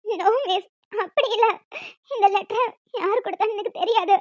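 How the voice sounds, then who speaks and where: High-voiced performer as a tearful schoolgirl, tiny high voice, slowish pleas, lo-fi. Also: fairly even intonation, no echo. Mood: pleading. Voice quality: soft, tearful. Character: scared schoolgirl, seventh grade. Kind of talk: cartoon voice acting. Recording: dull lo-fi dry recording.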